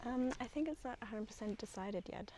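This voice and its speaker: A woman community manager chatting casually on a walking tour outdoors, a little out of breath, pausing with ums and laughing easily. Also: fairly high pitch, a little hiss or hum. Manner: relaxed, pauses with frequent ums, laughs easily. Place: outdoors on hilly open land.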